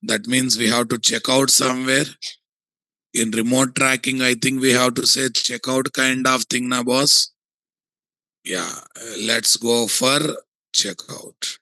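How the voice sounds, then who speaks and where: A man with a Telugu Indian English accent giving a software tutorial, thinking aloud and often asking questions that he answers himself. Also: mid-range voice, fairly even intonation, slow pace, pauses often, no room sound, poor audio. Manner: asks and answers his own checking questions.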